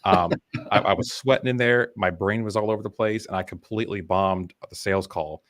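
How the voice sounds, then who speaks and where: A man's voice: on the low side, brisk, a bit bright, no room sound, clean studio sound. A young man as a podcast guest, telling candid, self-deprecating stories in a casual interview. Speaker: podcast guest, business founder.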